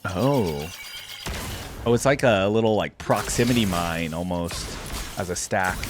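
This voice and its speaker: With game music and sound effects in the background, a man hosting reaction videos muses out loud over game skins in an eager, casual way. He speaks unhurriedly in a low voice with animated intonation.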